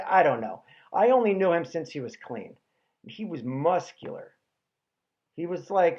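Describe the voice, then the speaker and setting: A man telling a comic personal story with a wry, deadpan delivery. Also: a little high, dull audio.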